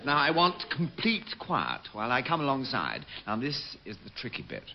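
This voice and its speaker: Silly, swooping, dithering naval officer. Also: male voice, mid-range voice, sing-song, measured pace. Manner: dithering, affected, repetitive. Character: silly, posh, flustered young male naval navigating officer. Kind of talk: radio sitcom acting. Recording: very noisy dull old radio recording.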